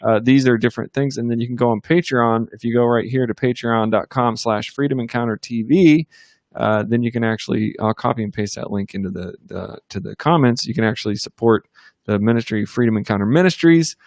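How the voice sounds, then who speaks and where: A man of middle pitch chats loosely on a home livestream, stringing thoughts together with fillers and restarts. His voice sounds close and dry, with no room echo at all. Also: brisk, darkish tone. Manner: rambling, upbeat, lots of fillers and restarts. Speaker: co-host of a ministry livestream. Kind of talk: casual livestream chat. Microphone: computer or webcam mic in a home studio.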